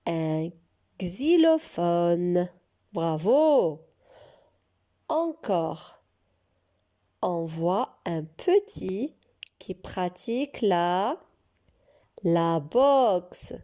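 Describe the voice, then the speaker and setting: Woman, preschool teacher, very slow, mellow, encouraging. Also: on the low side, big pitch swings. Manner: slow, drawn-out and encouraging, praising often. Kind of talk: recorded reading lesson for young children.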